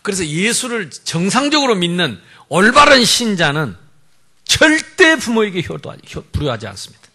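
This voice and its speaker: Male pastor, sermon. High voice that jumps all over, swinging loud to soft, joking with the room. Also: moderate pace, husky. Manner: animated, humorous preaching, swinging from loud to soft.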